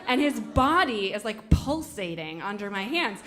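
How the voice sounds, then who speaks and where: A woman telling a personal story to an audience, animated and full of "like", acting out her own thoughts. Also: medium pitch, moderate pace, faint music behind. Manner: animated, filler-heavy "like", acts out her own inner thoughts.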